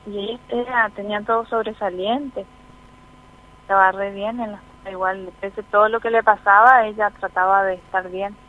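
A mother calling in to a radio interview, speaking quietly and haltingly, repeating herself as she recounts events. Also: medium pitch, steady tone. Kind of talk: emotional phone-in testimony. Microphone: telephone. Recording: tinny phone line, faint noise.

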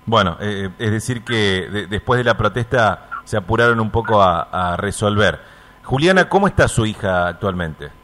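A man interviewing a caller on the radio, asking gentle, probing questions with frequent hesitations. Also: on the low side, expressive, normal speed, slight background noise.

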